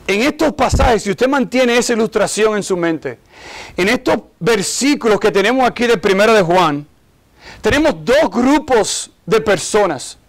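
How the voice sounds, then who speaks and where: A man preaching a sermon as pastor of a church service, earnest, often checking in with his listeners and slowing down to stress key words. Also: high voice, expressive. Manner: earnest preaching, keeps asking listeners "¿verdad?".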